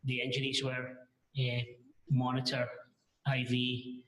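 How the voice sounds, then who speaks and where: The large courtroom's echo surrounds a male paramedic giving testimony in a monotone, fairly bright mid-pitched voice. He talks plainly and hesitantly, stopping now and then to find the right words.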